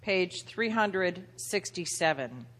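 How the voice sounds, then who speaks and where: Woman, celebrant, solemn measured intoning, long church echo, large reverberant church. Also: lowish voice, lively intonation, a bit bright. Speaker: celebrant leading a Eucharist service. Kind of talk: liturgical prayer recitation.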